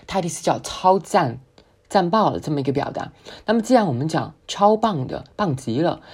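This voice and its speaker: A woman whose first language is Chinese, teaching an English speaking lesson and slowly modelling words for the listener to repeat. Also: low voice, a little mellow, husky. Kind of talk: spoken English pronunciation lesson.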